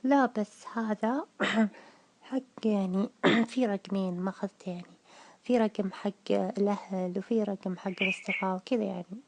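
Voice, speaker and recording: A man's voice: high-pitched, fairly even intonation, normal speed, creaky, slight background noise. A man doing a woman's voice, playing a coy, evasive young Saudi woman with a Gulf accent in a hesitant phone chat. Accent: Gulf Saudi Arabic. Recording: telephone call audio.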